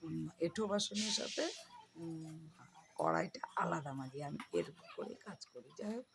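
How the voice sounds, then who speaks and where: A hoarse woman vlogging casually at home, chatting straight to her viewers with many fillers. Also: low-pitched, lively intonation, moderate pace. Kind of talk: casual home vlog narration. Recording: noisy home recording.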